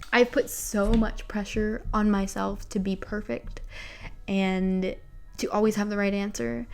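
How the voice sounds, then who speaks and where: A woman in her twenties talking casually and confessionally to camera, candid and self-deprecating, as she shares and comments on personal writing. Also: medium pitch. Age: 20s. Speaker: vlogger. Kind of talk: casual confessional talk to camera, reading and commenting on an old journal. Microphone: recorded at home with a ring light set up.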